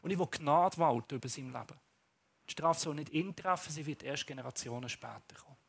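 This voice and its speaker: Swiss preacher doing god, quiet and solemn, calm and measured. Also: male voice, fairly high pitch, vocal fry, husky, voice pushed down, heavily acted. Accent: Swiss German.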